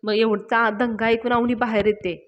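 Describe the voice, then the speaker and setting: A woman's voice: a little high, normal speed, highs cut off. Chatty woman retelling a TV episode. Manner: chatty, lively storytelling. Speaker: serial episode reviewer.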